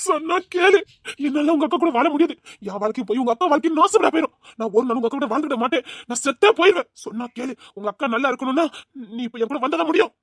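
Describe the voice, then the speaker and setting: A woman's voice: sits high, animated, racing, no room sound, clean studio sound. A woman voicing a desperate young groom. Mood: pleading. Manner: pleading, emotional. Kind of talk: amateur drama dialogue.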